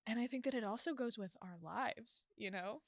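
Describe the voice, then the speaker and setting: Young woman podcast guest, earnest and encouraging, slightly high voice, dry studio sound. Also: dry recording. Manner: earnest, encouraging, quick to laugh. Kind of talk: casual faith conversation.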